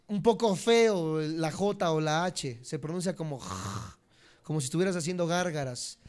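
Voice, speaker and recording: A man's voice: a little mellow, clear, resonant tone. A man teaching a church congregation, speaking to them directly and repeating key words. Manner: swings between emphatic high peaks and dropped low endings. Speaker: Bible teacher.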